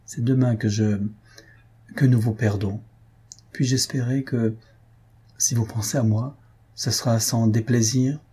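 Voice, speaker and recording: A man's voice: medium pitch, fairly even intonation, measured pace, pauses often, warm tone, slightly rough. A man voicing a pleading lovesick student. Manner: pleading, reproachful.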